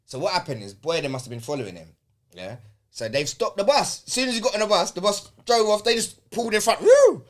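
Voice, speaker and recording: A man tells a story in loose, slangy chat. His voice sits a bit high and swings widely as he gets animated, and he keeps checking in with his listener. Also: fast talker. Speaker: podcast host.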